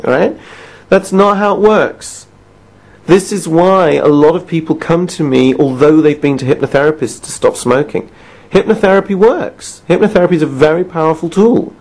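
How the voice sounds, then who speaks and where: A man teaching a stop-smoking lesson, talking to the listener in an emphatic, conversational way and often checking in with quick questions. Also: fairly high pitch, a little mellow. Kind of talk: self-help audio lesson.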